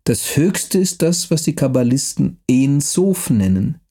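Guy putting on a wheezy thin-voiced old noble, slow and lofty, husky. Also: medium pitch, sing-song, dark tone, exaggerated voice. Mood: solemn. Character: frail old male nobleman, pipe-smoking, mystical, haughty.

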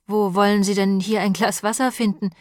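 A woman voicing a tense young woman held at gunpoint who answers in a sharp, defiant manner. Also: mid-range voice, little pitch movement, brisk, no echo, clean studio sound, natural voice. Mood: desperate.

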